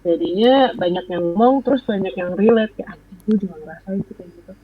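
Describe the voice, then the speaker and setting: A woman's voice: mid-range voice, brisk, breathy edge, phone-quality sound. A 25-year-old woman co-hosting a podcast, chatting and venting casually late at night, with English phrases mixed in. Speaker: podcast co-host.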